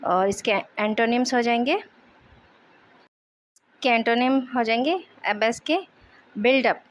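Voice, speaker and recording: A young woman teaching English vocabulary in Hindi, repeating each word slowly and explaining its meaning. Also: a little high.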